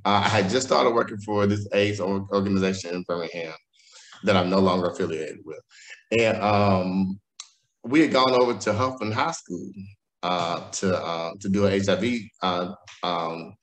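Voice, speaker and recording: A man's voice: sits low, moderate pace. A man, a guest telling stories candidly and animatedly in conversation. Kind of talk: storytelling in conversation. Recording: roomy echo.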